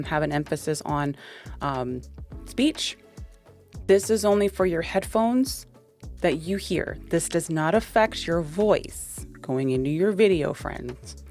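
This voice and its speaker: A woman's voice: lowish voice, darkish tone. A young woman giving a casual, chatty product walkthrough into a dynamic podcast mic, with plenty of fillers. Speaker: tech reviewer.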